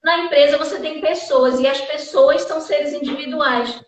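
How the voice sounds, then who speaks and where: A woman's voice: high voice, steady tone, normal speed. A woman hosting a live chat in an effusive, rambling, thankful way, heard from a distance. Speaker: live-stream host. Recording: echoey, distant, dull sound.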